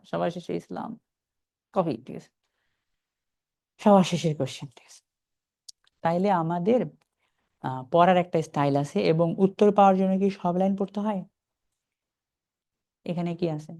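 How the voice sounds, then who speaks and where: Man, online reading teacher, chatty, calls out names, reads English slowly phrase by phrase. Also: sits high, gravelly, darkish tone, muffled recording. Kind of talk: live online class.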